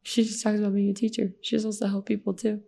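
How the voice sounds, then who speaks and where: A woman with a heavily gravelly, husky voice and a dark, mellow tone. She speaks as a podcast guest in casual conversation, telling candid stories in an animated way. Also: medium pitch, quick pace. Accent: American. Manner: candid, animated storytelling with laughs.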